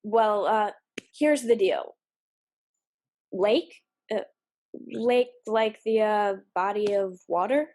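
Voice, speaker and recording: A woman's voice: mid-range voice, takes it slowly, pauses often, a little mellow, natural voice. A woman playing a blunt, sarcastic female army recruiter who swears offhandedly, in an indie audio drama.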